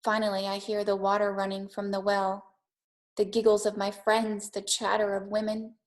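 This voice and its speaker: Speaking at a moderate pace, a woman with a medium-pitched, monotone voice reads aloud for young children. She's their teacher, setting a challenge during the lesson with simple, encouraging, child-directed wording.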